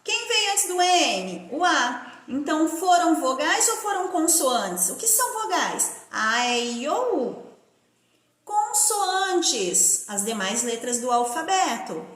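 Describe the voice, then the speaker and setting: In an echoey room, a woman teacher from Brazil gives primary schoolers a phonics lesson, stretching syllables slowly and spelling words out letter by letter. Her voice is high-pitched and fairly bright, with big swings in pitch.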